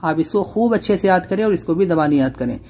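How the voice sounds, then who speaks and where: A man with a fairly high voice teaches Quran recitation in a tajweed lesson. He chants verses slowly and melodically, then explains each sound patiently and repeats words over and over for the learner. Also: lively intonation, a little mellow, slight background noise. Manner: slow drawn-out melodic recitation between plain spoken explanation.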